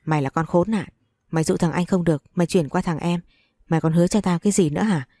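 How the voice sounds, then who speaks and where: A woman's voice: on the low side, fast, mellow, no echo, studio quality. A woman voicing a harsh, abusive middle-aged father in an audiobook story, hurling insults and accusations.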